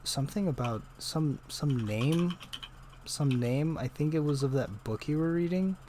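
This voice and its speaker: A man voicing a sardonic spirit trapped inside a staff, with a dry, teasing, deadpan manner. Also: on the high side, unhurried, slight background noise. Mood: rambling. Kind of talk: tabletop role-play voice.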